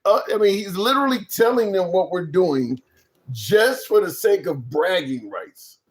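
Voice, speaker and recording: A man's voice: high voice, lively intonation, unhurried. A man hosting a casual live political commentary stream, speaking bluntly and informally, with some swearing and repeated phrases for emphasis.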